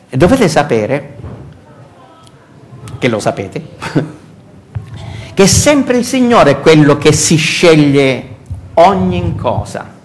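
An older man with a Sicilian Italian accent preaching a sermon as pastor in a church hall, animated and full of rhetorical questions, recorded from a far camera. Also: on the high side.

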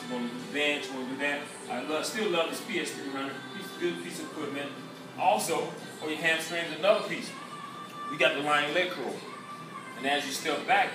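Here a middle-aged Southern American man, his voice on the high side, casually brags his way through a walking tour of his gym in upbeat sales-pitch style. His words echo through the indoor rooms, captured from a distance by a handheld camera, with music in the background.

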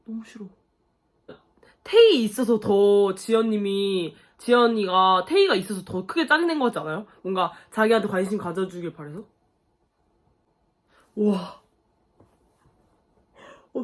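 A woman's voice: mid-range voice, moderate pace, long pauses. A young woman reacting to a dating show episode, exclaiming and laughing as she talks to her viewers. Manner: animated, exclaiming and laughing at the screen. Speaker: reaction video host. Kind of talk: casual reaction commentary.

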